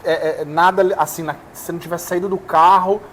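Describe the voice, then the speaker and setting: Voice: medium pitch, fairly even intonation, brisk, a bit bright, a little hiss or hum. A podcast host who responds with brief affirmations and then asks follow-up questions.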